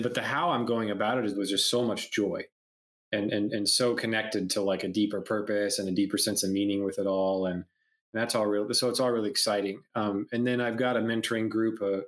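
A man, an entrepreneur and mentor, talking casually in a conversation and acting out customers while he tells stories. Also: fairly low pitch. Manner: animated storyteller, acts out quoted customers, swears, many restarts.

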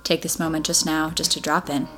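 Female Pilates instructor, lowish voice, encouraging step-by-step cueing over clear background music. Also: level tone, a little fast, a bit bright. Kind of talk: guided exercise class instruction.

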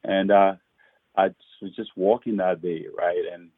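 A very low-voiced man from Liberia with a husky tone, speaking over a muffled, phone-like line. He is a pastor sharing his testimony in an interview, earnest, and he often restarts his sentences by repeating words. The sound is dry, with no room around it. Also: little pitch movement, a little slow, no echo. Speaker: pastor and author.

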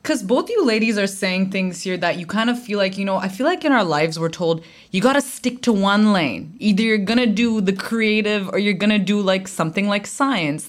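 A woman hosting a casual interview, chatty and enthusiastic, with frequent use of "like". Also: medium pitch. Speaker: interviewer, host.

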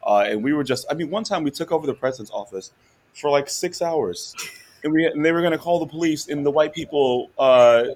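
In this interview, a male law professor appears as a guest and chats in a relaxed, animated way, laughing often and checking in with "right?". His voice is fairly high, a little fast, and somewhat dark in tone.

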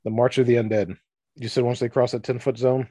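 Guy game-mastering a tabletop game, slow dramatic narration, dry up-close sound. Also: mid-range voice, little pitch movement, mellow, dry recording.

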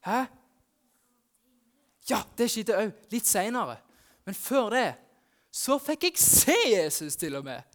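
A man, a youth pastor, telling the Easter story in first person at a family church service, lively and exclaiming as he talks to the children. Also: high voice, long pauses.

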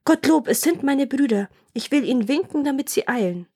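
A terrified young wife pleading for her life and calling anxiously up to her sister, put on by a woman reading a storybook. Her voice is lifted well above the reader's own pitch and comes out tense and urgent. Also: normal speed.

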